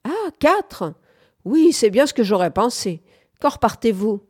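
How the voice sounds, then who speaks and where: A woman's voice: on the high side, sing-song, a little slow, husky, voice pushed up, full character voice. Woman doing a sly, mumbling old farmer. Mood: teasing. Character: sarcastic, mocking old farmer father.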